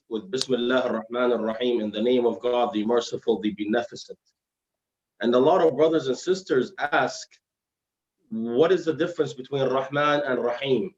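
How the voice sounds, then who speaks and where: A male religious teacher explains in a formal way, slipping into Arabic phrases. His diction is slightly thick and slurred, and his mid-pitched voice comes through a roomy, somewhat muffled live stream. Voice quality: slightly slurred, heavy-tongued diction from dental trouble. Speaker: Islamic scholar, guest lecturer. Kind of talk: religious lesson in dialogue form.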